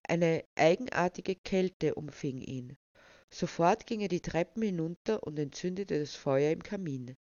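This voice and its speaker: A woman narrating a story in a measured, calm manner, in a dull, dry recording. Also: low voice, dry recording.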